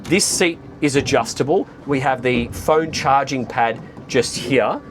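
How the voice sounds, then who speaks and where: A man giving a casual, upbeat guided tour, chatty and pointing out features as he goes, outdoors on a boat in an open bay, now and then clearing his throat. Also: medium pitch, measured pace, faint music behind. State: occasional throat clearing after a recent flu. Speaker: boat reviewer presenting a walkthrough.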